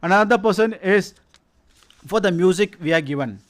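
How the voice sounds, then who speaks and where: A man speaking English with a Kannada Indian accent, giving an informal presentation in a halting, self-correcting, repetitive way. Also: high voice. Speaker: science organisation representative presenting its activities.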